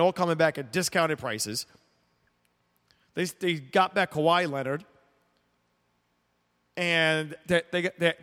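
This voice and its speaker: Guy doing a sports talk rant, kinda high voice, blunt, keeps restarting, long echo on it. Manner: blunt, rambling, many restarts and repeated words. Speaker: sports show host. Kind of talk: opinionated sports talk monologue.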